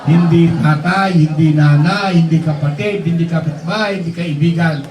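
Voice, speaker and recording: A man preaching a sermon, calling out to the congregation, joking, and shouting at the high points. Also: fairly even intonation, normal speed. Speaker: bishop preaching. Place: large hall with a congregation. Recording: echoey hall from far off, crowd.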